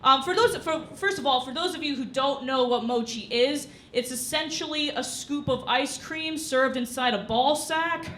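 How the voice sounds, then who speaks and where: A woman's voice: sits high, normal speed, few pauses. A young woman performing a stand-up comedy set on a club stage, chatty, with lots of "you know" asides. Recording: echoey club with audience noise. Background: live audience laughter.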